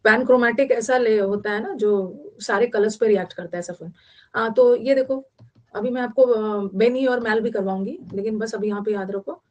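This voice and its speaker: A woman's voice: a little high, moderate pace, a little mellow, dull audio. Chatty Indian woman teaching vocabulary. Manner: explains in Hindi mixed with English, repeating words. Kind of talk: online vocabulary class.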